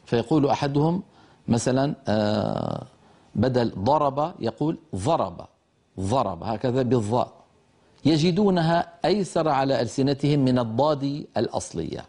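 A man's voice: medium pitch, very animated, moderate pace, vocal fry, warm tone. An older man teaching Quran recitation, patiently explaining letter sounds and demonstrating how they are pronounced. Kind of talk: lecture on pronunciation.

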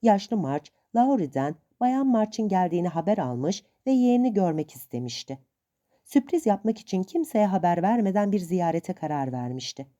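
A woman narrating a storybook in an expressive, measured way. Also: medium pitch.

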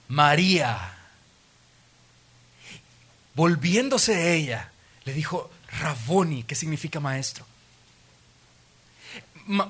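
A man, preaching a sermon as a pastor and retelling the story in an animated, vivid way. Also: high voice.

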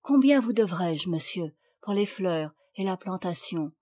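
Femme qui lit une mère aristocrate tendre. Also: female voice, lowish voice, expressive, a little slow, warm tone. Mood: tender, courteous. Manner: tender, composed, courteous. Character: gentle, dignified aristocratic mother.

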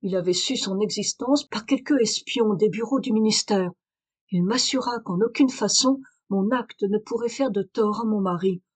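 A woman's voice: mid-range voice, normal speed, breathy edge, close to an everyday voice. A woman reader voicing a desperate aristocratic young wife in a French audiobook, pleading and urgent. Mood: anxious confession. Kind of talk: audiobook reading of a detective story.

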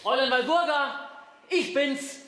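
A male actor playing an earnest young theology student with a hoarse, sharp voice and formal speech. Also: very high-pitched, measured pace, full character voice. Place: theatre stage.

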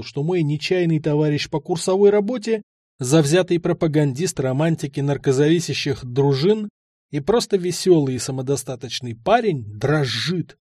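A man narrating a first-person story in an expressive, ironic way. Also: a little high, dry recording, studio quality. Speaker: audiobook narrator.

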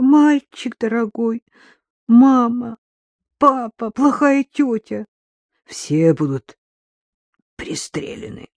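A woman's voice: mid-range voice, darkish tone, no room sound. A woman doing a drunk, wailing middle-aged mother. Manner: lisping baby talk turning to wailing.

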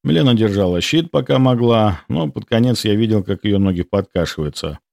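A man reading first-person audiobook narration in an expressive storytelling manner, recorded on a close studio mic. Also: on the low side, fairly quick, gravelly, dry recording.

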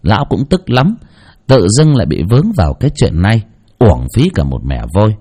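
Narrating a spooky folk story fairly quickly, a man delivers it expressively with mocking asides. His husky, mellow voice swings dramatically in pitch from one line to the next.

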